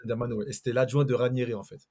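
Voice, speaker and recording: A man's voice: medium pitch, little pitch movement, racing, warm tone, a little hiss or hum. Male ex-player from Paris, middle voice, loose anecdotal storyteller. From Paris, France. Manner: storytelling, hesitant with fillers. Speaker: former footballer, panel guest. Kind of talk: casual chat.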